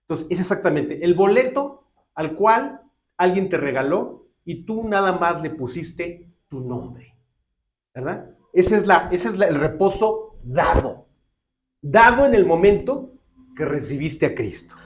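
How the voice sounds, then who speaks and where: A man with a Mexican Spanish accent preaches a sermon in a high voice. His delivery is conversational rather than formal. He keeps checking in with the congregation as he talks. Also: very animated, unhurried, a little hiss or hum. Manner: conversational preaching with frequent tag questions. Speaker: pastor.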